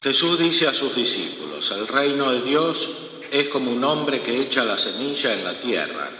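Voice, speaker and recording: In a large church, a male priest reads from the Gospel and gives a homily in a mid-range voice that is very animated, pushed, and bright. His delivery is slow and measured, broken by long pauses. Long church reverb echoes through the recording, with a faint hum in the room.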